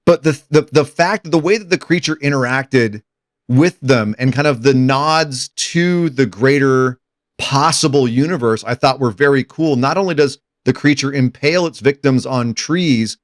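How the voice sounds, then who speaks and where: Animated man hosting a movie chat. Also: mid-range voice, moderate pace, dry recording, studio quality. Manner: enthusiastic, animated retelling of scenes. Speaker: podcast host. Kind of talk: casual movie discussion.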